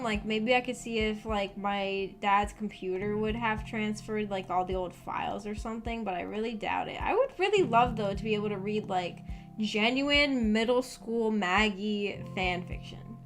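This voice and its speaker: Hosting a visual novel book club stream, this young adult woman chats loosely with her viewers, musing aloud as she replies. Her voice is medium-pitched and fairly bright, at a normal pace, with music playing behind her.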